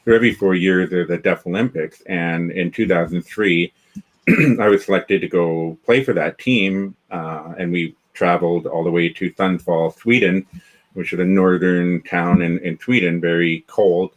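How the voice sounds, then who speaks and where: Low-voiced canadian guy on a video call, rambly, lots of restarts. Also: steady tone, normal speed, poor audio. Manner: rambling, many restarts and fillers. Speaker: guest, developer community founder. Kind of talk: casual interview chat.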